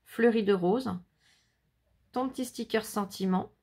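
In a relaxed unboxing vlog, a scrapbooking vlogger shows off handmade bookmarks, gushing over each one and describing the craftsmanship in detail. Her mid-range voice is unhurried with a darkish tone.

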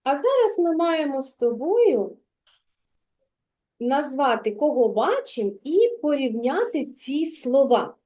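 Woman, kindergarten teacher, one-on-one literacy lesson, slow, patient, stretched-out sounds, high voice. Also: sing-song, mellow. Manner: patient, drawn-out stressing of sounds and words.

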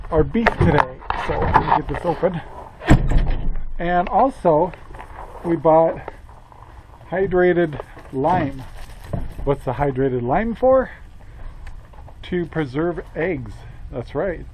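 An older man from Central Oregon, USA, vlogs casually to a handheld camera held at arm's length, moving between the outdoors of his rural homestead and a garage. His voice is fairly high and a little mellow, and he rambles along with plenty of fillers and small chuckles. The audio is poor, with a slight hiss or hum.

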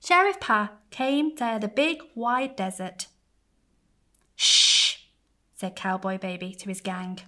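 A woman, a church families coordinator, gently and expressively reading a children's story aloud. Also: medium pitch, lively intonation, a little slow, hardly any pauses.

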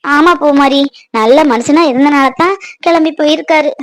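A woman voicing a caring young village woman in a cartoon, confiding and reassuring in a gentle way. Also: sits high, moderate pace, lightly acted, low-quality recording. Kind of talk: cartoon voice acting.

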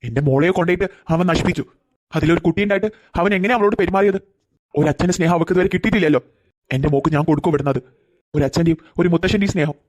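Man doing a fiery, fast-talking cartoon grandfather. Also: fairly high pitch, darkish tone, no room sound, close to an everyday voice. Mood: earnest. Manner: firm, emotional. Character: protective grandfather, fiery yet loving. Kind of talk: cartoon voice acting.

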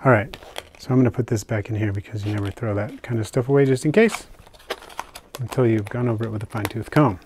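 An older man casually narrating a hobby vlog as he unpacks and shows his isopod purchases, talking in a relaxed, chatty way with fillers and soft asides. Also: lowish voice, fast talker, slight background noise. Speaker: isopod keeper unboxing purchases. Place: indoors at a table, hands on camera.

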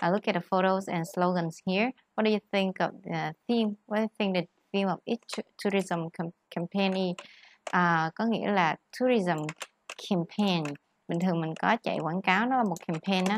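A woman's voice: lowish voice, a little hiss or hum. A woman teaching English, patiently explaining word stress and mixing English words into her explanations. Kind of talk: tutoring lesson on word stress.

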